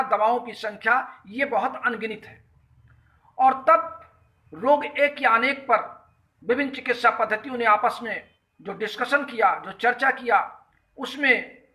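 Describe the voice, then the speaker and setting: Up guy hosting a live call-in, really high bright voice, earnest explaining. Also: low-quality recording. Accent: Uttar Pradesh Hindi. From Uttar Pradesh, India. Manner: earnest explanatory tone, greets callers by name. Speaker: host of a health talk show. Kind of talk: live call-in talk, reading and explaining an article.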